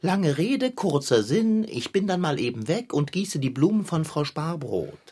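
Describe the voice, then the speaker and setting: A man's voice: fairly high pitch, big pitch swings, measured pace, a little mellow, husky, full character voice. Man doing a pompous, pun-loving talking cat. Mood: smug, lofty. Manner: elaborate, pun-loving, haughty. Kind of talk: children's audio play acting.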